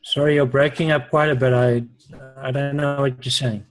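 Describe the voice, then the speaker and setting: A man's voice: medium pitch, little pitch movement, normal speed, soft background music. A man joining a meeting remotely over a call line, answering briefly and apologetically. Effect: remote voice over a call line, distant from the mic. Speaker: meeting participant. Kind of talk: casual meeting talk.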